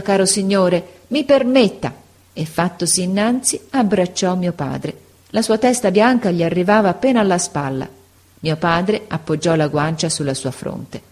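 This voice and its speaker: A woman narrating a classic novel as an audiobook, reading in a measured, unhurried way. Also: low voice, a little mellow.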